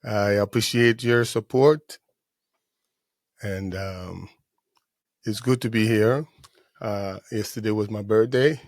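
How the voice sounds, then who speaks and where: A middle-aged man, a musician guest speaking in an unhurried, devout and grateful way in a studio interview. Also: fairly low pitch, fairly even intonation, darkish tone, dry recording. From Guyana.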